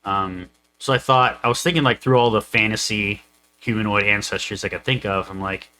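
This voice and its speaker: A man's voice: lowish voice, steady tone, a little fast, pushed and bright, slight background noise, rough recording. A young man co-hosting a casual podcast chat, rambling with lots of fillers and restarts. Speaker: co-host, game master.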